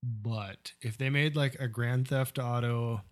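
Man from nebraska, mid pitch, podcast co-host, laughs a lot, lively casual chat. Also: slow. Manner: laughs often, animated.

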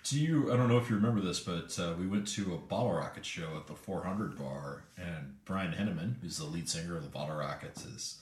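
A man's voice: low-pitched, fairly quick, few pauses. A man co-hosting a music podcast, making dry jokes and restarting his sentences with a stammer. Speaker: podcast co-host. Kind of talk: casual music podcast chat. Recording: roomy echo, faint noise.

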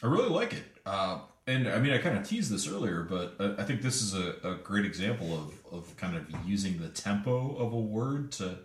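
A man's voice: lowish voice, expressive, moderate pace, hardly any pauses. A man co-hosting a music podcast, making dry jokes and restarting his sentences with a stammer. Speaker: podcast co-host. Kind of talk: casual music podcast chat. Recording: roomy echo, faint noise.

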